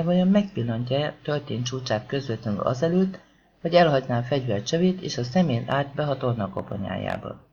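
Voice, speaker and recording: A man narrating a crime novel as an audiobook with an expressive, dramatic reading. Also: a little high. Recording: dull lo-fi audiobook recording.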